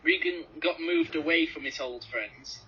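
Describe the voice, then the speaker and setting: A man's voice: fairly high pitch, measured pace, breathy edge. A young man co-hosting a podcast in casual chat, joking and teasing his friends, swearing now and then. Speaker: podcast co-host. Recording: dull lo-fi podcast recording.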